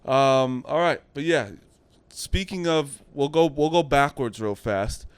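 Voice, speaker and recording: A man chatting casually with friends, his voice smooth and clean with a dry, close sound. He tells stories freely, laughs a lot and swears now and then. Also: a little high, a little slow, no room sound. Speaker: podcast co-host. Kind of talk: casual chat.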